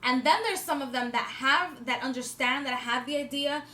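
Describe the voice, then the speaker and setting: In an echoey room with faint background noise, a woman in her twenties talks to camera about spirituality in a casual, rambling way. Her high voice is pushed and bright at a normal speed, and she fills it with restarts and fillers, sometimes swearing for emphasis.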